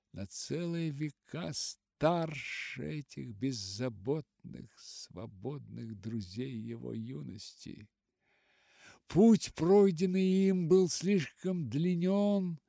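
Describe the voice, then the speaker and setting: A man reading a literary novel aloud as an audiobook narrator, measured and dramatic with long pauses. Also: on the high side, vocal fry, mellow, no room sound, clean studio sound.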